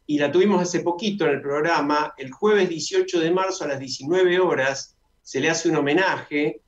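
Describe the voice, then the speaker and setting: A man hosting a radio talk show, chatty, who announces details slowly and repeats them. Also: on the high side. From Argentina. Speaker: radio host. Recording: dull lo-fi radio sound.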